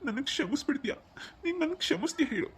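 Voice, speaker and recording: A woman's voice: high-pitched, sing-song, fast talker, fairly bright tone, slight background noise. A woman voicing a remorseful young village husband in a cartoon story, speaking in a pleading, tearful way. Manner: pleading, tearful and self-blaming. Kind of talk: Kannada cartoon story dubbing.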